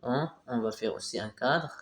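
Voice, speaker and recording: A man teaching a phonics lesson to young pupils, slowly repeating each word, sometimes switching to Arabic to explain. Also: mid-range voice, fairly bright tone. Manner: slow, drawn-out repeating of words, switching into dialect Arabic for explanations. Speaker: primary school teacher. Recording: echoey room.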